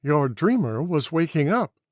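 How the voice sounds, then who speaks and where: A man voicing an eager, friendly young male airship pilot who talks in a brisk, reassuring way. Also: on the high side, very animated, no room sound, studio quality, pitched above the performer's own voice.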